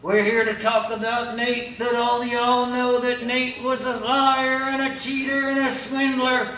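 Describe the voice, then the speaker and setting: A man's voice: very high voice, little pitch movement, measured pace, bright, forceful tone, heavily acted. A man voicing a folksy, chatty hillbilly puppet with a Kentucky accent, rambling through drawled tall tales in a comic ventriloquist act. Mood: storytelling, wry. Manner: drawling country idioms, rambling. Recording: echoey room, distant mic, faint noise.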